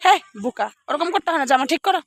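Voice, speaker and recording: A woman's voice: sits high, expressive, rapid-fire, no room sound. A woman from Bangladesh chatting as she walks outdoors past rice fields and calls out to the children in her group. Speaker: family vlogger. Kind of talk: casual walking vlog narration. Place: outdoors among rice fields at a research farm.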